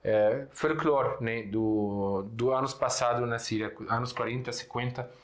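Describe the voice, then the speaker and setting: A man's voice: medium pitch, fairly even intonation, measured pace, slight background noise. Male language teacher from Syria, mid-range voice, patient and repetitive, recorded in an echoey room. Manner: patient, repeats words and checks in with "né?". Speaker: Arabic teacher. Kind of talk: casual language lesson. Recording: roomy echo.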